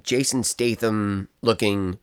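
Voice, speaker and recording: A man's voice: fairly low pitch, slow pace, smooth. A man casually telling a long story on a podcast, rambling and cutting himself off with asides. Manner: rambling, self-interrupting, animated storytelling. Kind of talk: casual chat.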